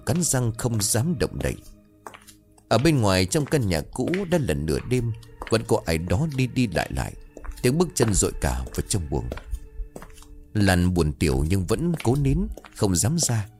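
Low-voiced man narrating a ghost story. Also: sing-song, a little mellow, soft background music. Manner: suspenseful, measured. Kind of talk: scripted horror story narration.

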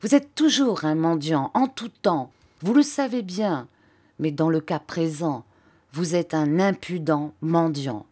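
A woman's voice: low voice, animated, takes it slowly, mellow, heavily acted. A woman reading an audiobook, voicing an arrogant teenage schoolboy who speaks with cold disdain. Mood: contemptuous.

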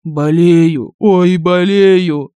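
A woman voices a crafty male royal advisor for a comic fantasy audiobook, lightly acted at a moderate pace, whining, pleading, and gushing with theatrical groans. The voice is clear, smooth, a little low and mellow, recorded close and dry with no room sound.

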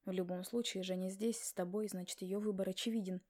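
A woman voicing a calm, steady brother in an audiobook, speaking in a measured, soothing way. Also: medium pitch, voice pushed down, lightly acted. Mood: reassuring.

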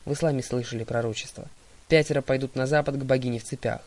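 A determined young huntress girl stating a plan, read by a man. The voice stays close to his own, a bit louder. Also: medium pitch, steady tone, fast, lightly acted.

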